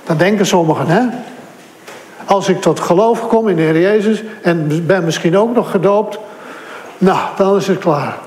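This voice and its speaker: A male preacher, his voice pitched high for a man. He speaks earnestly and turns to his listeners directly, stressing points by repeating them. The sound rings with the long reverb of a church hall. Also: darkish tone, slight background noise. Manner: earnest, repetitive emphasis, addresses listeners directly. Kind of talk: sermon. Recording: echoey hall.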